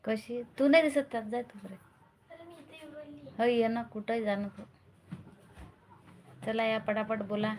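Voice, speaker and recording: A woman's voice: on the high side, fairly even intonation, a little slow, long pauses, darkish tone, slight background noise. A middle-aged woman from Maharashtra, chatting casually on a live stream and repeatedly urging viewers to join and comment. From Maharashtra, India.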